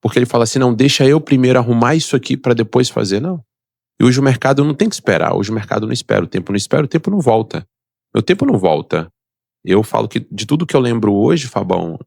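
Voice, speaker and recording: A man's voice: mid-range voice, gravelly, darkish tone, no room sound, studio quality. A middle-aged man with a Brazilian Portuguese accent, a podcast guest telling his life story in an emphatic, motivational way and acting out the voices of people in it. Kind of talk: personal storytelling in a podcast interview.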